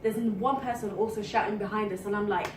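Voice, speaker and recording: A woman's voice: mid-range voice, steady tone, a little fast. A young woman vlogger telling a story in casual chat, dramatically acting out her own thoughts and reactions. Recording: echoey room, far from mic, clear background hiss.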